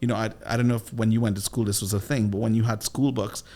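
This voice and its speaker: Animated Trinidadian man telling stories. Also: on the low side, fast. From Trinidad and Tobago. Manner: animated, playful, with lively voiced asides. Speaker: guest, entrepreneur and business coach. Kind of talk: casual interview storytelling.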